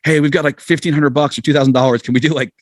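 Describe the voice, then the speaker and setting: In a laid-back interview, a middle-aged man appearing as a podcast guest tells stories at his own expense and acts out what people said. His voice sits on the high side and stays steady even as he races along, recorded at studio quality with no room sound.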